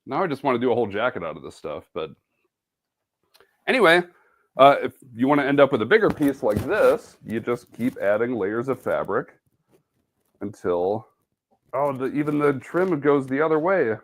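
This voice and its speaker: A man's voice: mid-range voice, sing-song, normal speed, long pauses, slight background noise. A man giving a casual, chatty live-stream sewing demo, self-deprecating and humming or making little beep noises as he works. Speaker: sewing ambassador.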